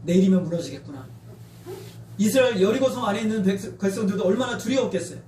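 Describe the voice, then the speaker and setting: A middle-aged male pastor preaching a sermon in a church, talking in a lively way and acting out soldiers' shouts and taunts. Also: high-pitched, rapid-fire, echoey room, recorded from a distance, slight background noise. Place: church sanctuary.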